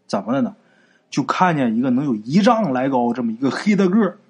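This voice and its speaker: Male ghost-story teller, husky, lively pitch, chatty. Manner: colloquial, animated, drawn-out particles. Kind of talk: spoken folk ghost story narration.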